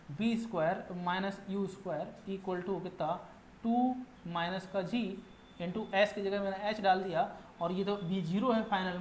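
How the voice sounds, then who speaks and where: Male physics teacher, patient lecturing, repeats every step and answers his own questions; roomy echo, faint hiss behind. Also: sits high. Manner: asks questions and answers them himself; tags nearly every line with "ठीक है ना". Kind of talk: classroom lecture mixing Hindi and English. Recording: echoey room with faint background noise.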